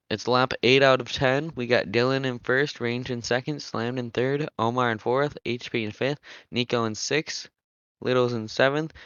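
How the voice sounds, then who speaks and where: A young man giving casual, chatty commentary on an online motocross race, relaxed and laughing often as he thinks aloud. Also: mid-range voice, clean tone, dry recording, lo-fi sound. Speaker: race commentator and server admin.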